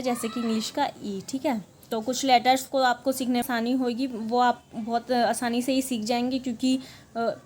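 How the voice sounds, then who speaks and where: A young woman, explaining a language lesson patiently, often pausing to check that it's understood. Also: on the high side, a little mellow, slight background noise. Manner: patient, repeats points, often asks "okay?". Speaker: language teacher.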